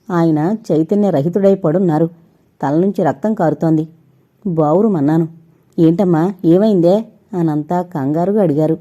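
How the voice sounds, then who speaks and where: A woman's voice: lowish voice, mellow, muffled recording. A woman narrating a suspense audio novel in the first person, giving the characters' lines small voice shifts.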